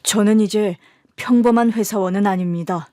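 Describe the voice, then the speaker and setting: A woman voicing a calm, powerful man, a long-absent father, who speaks in a measured, slightly lowered voice in a radio drama. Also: no room sound, studio quality, lightly acted.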